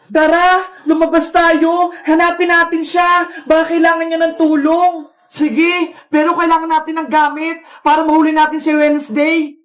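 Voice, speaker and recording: A woman voicing excitable young cartoon characters running from a villain, shouting and calling out to each other. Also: normal speed, few pauses. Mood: excited. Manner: excited, shouting, high-energy. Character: frightened little girl Princess and her friends. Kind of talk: children's cartoon voice acting.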